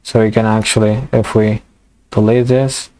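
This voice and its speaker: A young man walking through a coding tutorial in a halting way, full of fillers and restarts, as his voice gives out. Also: on the low side, little pitch movement, a little mellow. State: losing his voice. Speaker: programming tutor. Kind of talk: screen-recorded coding tutorial.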